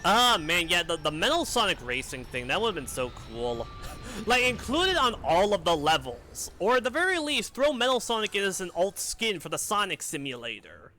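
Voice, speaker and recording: A man streaming a video game, chatting casually in an animated, rambling way and laughing often. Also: high-pitched, moderate pace. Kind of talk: casual gameplay commentary. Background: soft game music.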